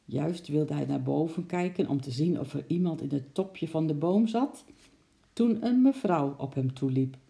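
A woman reading a children's story aloud in a steady storytelling manner. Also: deep voice, normal speed, vocal fry.

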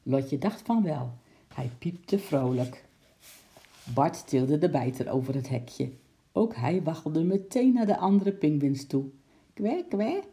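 Dark-toned man reading a children's story. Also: a little high, measured pace, creaky. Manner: lively storytelling with character voices. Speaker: narrator.

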